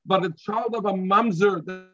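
A man's voice: high voice, a little slow, pushed and bright, dry recording, lo-fi sound. A man with a Yiddish accent giving an informal Talmud lesson, reading and explaining, often repeating himself and answering his own questions. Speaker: Talmud teacher.

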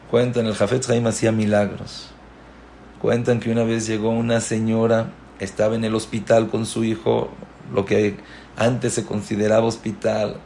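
Male rabbi-teacher, slow and deliberate, emphatic repetition, sermon storytelling. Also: medium pitch, vocal fry, warm tone, slight background noise. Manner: emphatic, repeats key words with rising stress. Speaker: rabbi teaching a Torah class.

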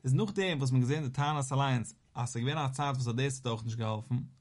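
A man giving a Talmud lesson, talking quickly in a rising and falling study chant. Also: mid-range voice. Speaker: Talmud teacher.

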